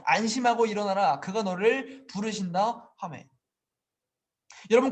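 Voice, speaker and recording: A man preaching an earnest sermon to a church youth group, often asking the listeners questions. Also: extremely high pitch. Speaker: youth pastor.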